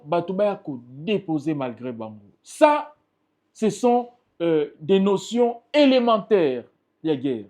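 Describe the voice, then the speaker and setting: This political party spokesperson, a guest in an interview, speaks French with a Congolese accent in an emphatic, impassioned way. His voice is high and a little mellow.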